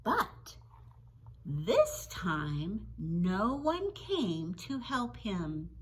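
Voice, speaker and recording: A woman teacher reading a children's story aloud in an animated, sing-song storytelling manner. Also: mid-range voice, extremely slow, breathy edge, rough recording.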